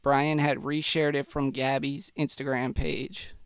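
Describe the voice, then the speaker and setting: Male host, slightly congested and breathless, easy chatty delivery, middle pitch, clean dry sound. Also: flat delivery, unhurried, clear, resonant tone, no room sound. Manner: chatty, addresses viewers as guys, restarts. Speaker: true-crime video host. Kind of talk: casual presentation walkthrough.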